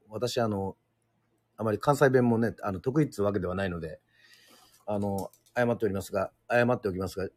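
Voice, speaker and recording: A man from Yoron Island hosting a relaxed solo radio show. His voice sits fairly low, and he talks hesitantly, with lots of fillers and pauses. The sound is dry and close to the mic. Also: husky, no echo. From Yoron Island, Japan. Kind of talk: casual solo radio talk.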